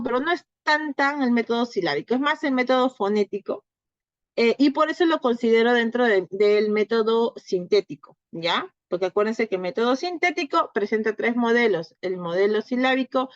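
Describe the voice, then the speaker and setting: A woman teaching a class, explaining step by step and ending phrases with quick check-ins like "right?" and "okay?". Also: on the high side, no echo. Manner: walks through classroom materials step by step. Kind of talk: online class lecture. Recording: dull, lo-fi, dry.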